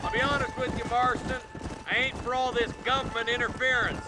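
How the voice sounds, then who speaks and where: An actor voicing a gruff frontier marshal, commanding and plain-spoken. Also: male voice, very high voice, little pitch movement, a little fast, very noisy. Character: gruff small-town marshal leading a posse.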